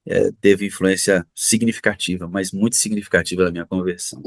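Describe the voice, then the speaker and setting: A man's voice: low-pitched, steady tone, fairly quick, vocal fry, no echo. Brief: middle-aged Brazilian man, church interviewer, effusive, dry close sound.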